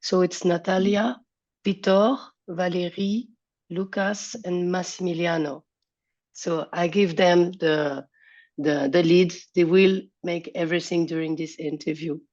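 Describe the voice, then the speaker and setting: A woman with a fairly low voice introduces her students in halting speech full of pauses and fillers. She is a professor of landscape architecture. The recording sounds dull and muffled. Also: steady tone, darkish tone. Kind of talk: introducing a class interview.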